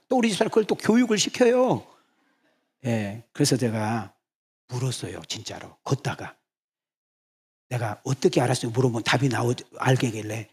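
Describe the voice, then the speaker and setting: A man preaching as senior pastor, telling stories and calling out to the congregation in a lively way. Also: medium pitch, breathy edge. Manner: animated, calls out to the congregation and acts out quoted lines. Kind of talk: sermon with storytelling. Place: church sanctuary.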